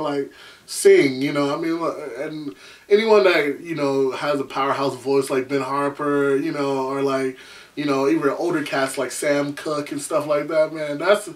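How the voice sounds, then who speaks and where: A man's voice: on the high side, far from the mic. A man who sings and beatboxes in a band, chatting casually in an interview, laid-back and full of "man" and "you know". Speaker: singer and beatboxer in a band, guest.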